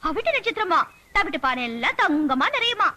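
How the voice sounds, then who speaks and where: A woman's voice: extremely high pitch, very animated, heavy background noise. A bossy village girl. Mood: confident. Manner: bossy, quick-witted teasing. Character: sharp-tongued young village woman, caring and bossy. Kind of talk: film dialogue. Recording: film soundtrack with music behind.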